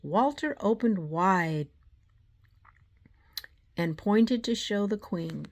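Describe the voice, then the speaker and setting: A woman reading a children's storybook aloud in a measured, deliberate way. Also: mid-range voice, expressive, a little mellow.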